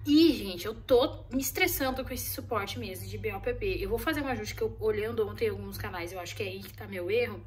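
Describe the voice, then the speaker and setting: A woman's voice: mid-range voice, quick pace, few pauses, a little mellow, a little hiss or hum. A woman vlogging casually from her craft studio, chatty and rambling, often checking in with "right?" and her viewers. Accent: Brazilian Portuguese. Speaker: vlogger running a custom stationery studio. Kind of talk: casual vlog chat to camera.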